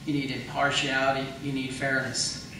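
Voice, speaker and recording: A man running for county attorney delivers an argumentative rebuttal at a public debate, laying out his points step by step and posing questions. His mid-range voice is bright and forceful yet completely flat in delivery, at a normal speed. The large hall echoes, the mic is distant, and faint noise sits underneath.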